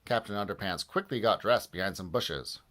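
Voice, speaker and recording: A man reading a children's book aloud with expressive, lively storytelling. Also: lowish voice, moderate pace. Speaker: audiobook narrator.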